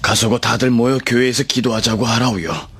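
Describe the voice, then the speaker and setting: A man's voice: medium pitch, fairly quick, fairly bright tone, slightly rough, no echo. A male actor playing a suspicious, fervent church elder in a radio drama, speaking insistently with a North Korean Pyongan accent. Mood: urgent. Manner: insistent, agitated, emphatic.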